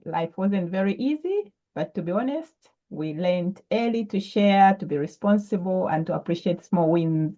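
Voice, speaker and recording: A woman from Zambia speaks in a low, mellow voice, pausing and restarting as she gives thoughtful interview answers. The recording is somewhat dull and muffled. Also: expressive. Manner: thoughtful, with frequent ums and restarts. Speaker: guest entrepreneur.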